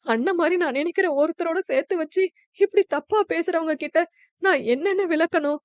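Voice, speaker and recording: A woman voicing a young widowed village woman who cries as she pleads her innocence, in a high, tearful voice. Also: fairly quick, no room sound. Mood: weeping, pleading. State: crying. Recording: dull, dry lo-fi recording.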